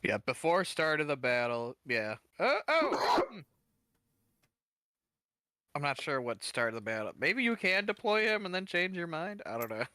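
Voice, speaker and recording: Rules-referee guy for a tabletop stream, bright voice, casual, dry close mic. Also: fairly high pitch, expressive, fairly quick, hardly any pauses, smooth, dry recording. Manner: explains rules with loose restarts and dark jokes. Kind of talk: casual game-table chat.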